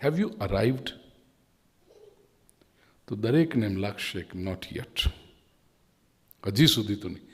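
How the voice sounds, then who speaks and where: A man's voice: fairly low pitch, animated, takes it slowly, long pauses, husky. A man giving a spiritual discourse who mixes storytelling with emphatic, questioning appeals to his listeners. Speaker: spiritual speaker. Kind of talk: sermon with storytelling. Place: large hall at a spiritual mission. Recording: long reverb of a large hall.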